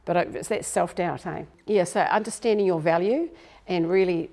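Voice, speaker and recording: A woman's voice: on the low side, normal speed, dark tone. A middle-aged woman, a business coach giving a live workshop talk to a group in a room, chatty and self-deprecating.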